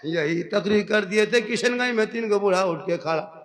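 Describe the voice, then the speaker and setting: A man in his fifties with a regional Hindi accent from Jharkhand, preaching a humorous sermon at a religious gathering. He swings between loud declaiming, sing-song chanting and joking asides. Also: sits high, normal speed. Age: 50s.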